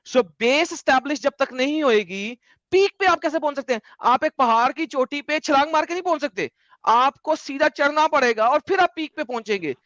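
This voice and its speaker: A man hosting an online debate, lecturing forcefully and dropping English phrases into his speech. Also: very high voice, dry recording, highs cut off. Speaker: debate host.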